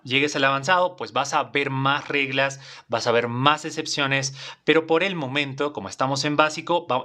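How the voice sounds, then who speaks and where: A man's voice: mid-range voice, bright, forceful tone. A man teaching an English class in Spanish, patient and repetitive, often checking in with his students. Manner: patient, repeats phrases, checks in with "¿vale?".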